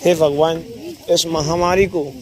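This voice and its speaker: A man's voice: on the high side, fairly even intonation, slow pace. A man narrating a devotional pilgrimage vlog outdoors on a mountain trail, leading call-and-response chants. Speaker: pilgrimage vlogger. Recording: crowd of pilgrims around.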